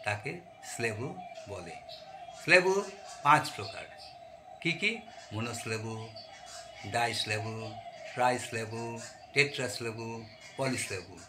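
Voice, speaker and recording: A man with a bright, forceful voice teaches grammar to his students. He spells each example letter by letter and slows way down on the long words. A faint hiss of noise sits under the recording. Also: mid-range voice. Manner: addresses students directly with questions. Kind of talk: grammar lesson.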